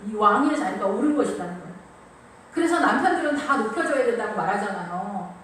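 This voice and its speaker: A woman preacher giving a lively sermon, repeating phrases and acting out quotes, recorded from a distance in an echoey church with faint ambience. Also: medium pitch, a little fast, a little hiss or hum.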